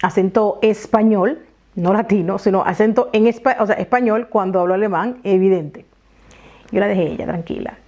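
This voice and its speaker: A Dominican woman from the Dominican Republic telling a personal story in a vlog, lively and talking straight to her viewers. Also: medium pitch, moderate pace. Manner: animated storytelling, talks straight to viewers, many "entonces". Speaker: vlogger. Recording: slightly dull lo-fi audio.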